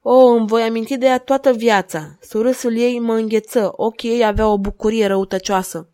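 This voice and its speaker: A woman's voice: fairly high pitch, steady tone, a little mellow, lightly acted. A woman reading aloud and voicing a fragile, grieving madwoman with a pleading, tremulous way of speaking. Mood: anguished.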